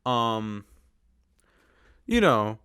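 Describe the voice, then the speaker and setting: A man's voice: lowish voice, big pitch swings, drawn-out words, pushed and bright, clear, resonant tone, no echo. Sarcastic young man reviewing movies, dry. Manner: crude, sarcastic, rambling. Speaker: YouTube commentator. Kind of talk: profane movie commentary.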